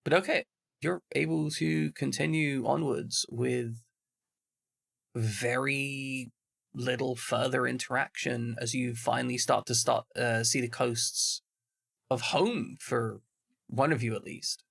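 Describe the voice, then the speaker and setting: A man's voice: mid-range voice, fairly even intonation, slow, vocal fry, fairly bright tone. A man narrating as game master of a tabletop game, chatty and full of asides. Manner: explains at length, chatty with many asides.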